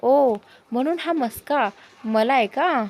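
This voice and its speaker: A lively young woman in a storybook romance, the heroine's loyal best friend, who teases and bosses people around, as a woman narrator plays her. Her voice sits fairly high. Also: slow, a little hiss or hum. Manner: teasing, bossy. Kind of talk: storybook character voice.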